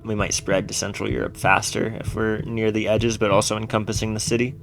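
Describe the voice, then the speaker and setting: A man with a fairly low voice gives casual commentary on a strategy game, planning out loud. He reads the on-screen text as he goes, with faint music playing behind him. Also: level tone, brisk. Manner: thinking aloud, loosely planning moves. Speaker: let's play streamer.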